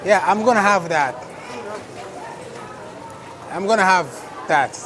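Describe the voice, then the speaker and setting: A man from Texas, high-pitched and unhurried, gives casual walking narration as a travel vlogger exploring an outdoor night food court. He frequently exclaims in wonder, while crowd chatter and traffic make the street market recording noisy.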